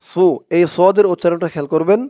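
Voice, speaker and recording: A man teaching Quran reading, spelling out Arabic words letter by letter and chanting them slowly for viewers to repeat. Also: high voice, fairly even intonation, dark tone. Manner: slow, patient drilling with drawn-out chanted recitation; addresses viewers directly as "dorshok".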